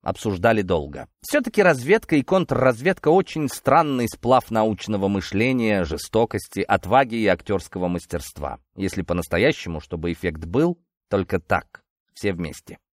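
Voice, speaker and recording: A man narrating an audiobook in a measured, expressive storytelling manner. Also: lowish voice, no echo, clean studio sound. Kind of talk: scripted narration.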